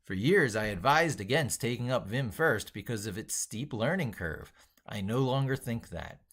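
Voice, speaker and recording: Animated and fairly bright, a man's medium-pitched voice moves at a moderate pace through an unscripted tech tutorial on a live stream. He thinks aloud as he works, rambling over what he's doing and hammering his points home.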